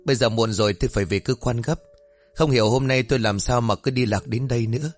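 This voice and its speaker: Guy doing a nice young guy, polite and soft-spoken, faint music under it. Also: mid-range voice, fast talker, natural voice. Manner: polite, gentle, deferential. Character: polite kind young man.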